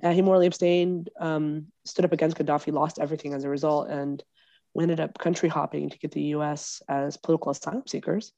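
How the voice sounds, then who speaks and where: Woman, from Egypt, podcast guest, low voice, warm and mellow tone, joking and animated, dry dull lo-fi sound. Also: fast talker, gravelly, no room sound. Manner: animated, joking, with frequent fillers. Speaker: podcast guest, lawyer and comedian. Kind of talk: casual conversational interview.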